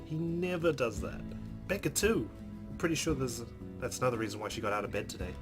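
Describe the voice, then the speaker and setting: Hosting a let's play, a man with a medium-pitched voice reads visual novel narration aloud quickly and expressively, dropping in chatty, casual asides. Guitar-based game music plays behind him.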